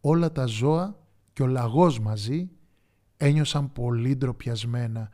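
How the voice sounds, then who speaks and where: A man narrating a children's folk tale in an expressive, sing-song way. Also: mid-range voice. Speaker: storyteller.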